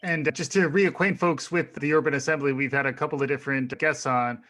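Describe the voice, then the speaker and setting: A man's voice: a little high, steady tone, brisk, a bit bright. A man hosting a podcast interview, giving his guests affirming cues and asking short questions. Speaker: podcast host.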